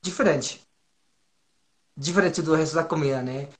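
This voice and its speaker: A man chatting as a guest in Portuguese, often pausing and hunting for words, then speeding up when he finds them. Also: a little high. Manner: hesitant, searching for words, lively and laughing. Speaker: foreign guest learning Portuguese. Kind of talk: casual conversational interview.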